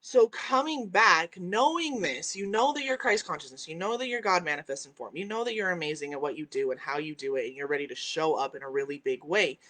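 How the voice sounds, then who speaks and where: Her voice deep and a bit bright, the host of a spiritual live stream talks fairly quickly with hardly any pauses, answering viewer comments she reads aloud. She teaches with emphatic repeated phrases and keeps asking "right?" from her home by a window, dogs in the house, on a low-quality recording.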